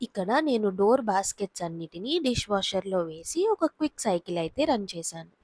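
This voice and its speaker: A woman in her thirties, a home vlogger, calmly explaining household cleaning tips in a voice-over. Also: medium pitch, quick pace, slight background noise. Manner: calm, explanatory. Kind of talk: instructional voice-over.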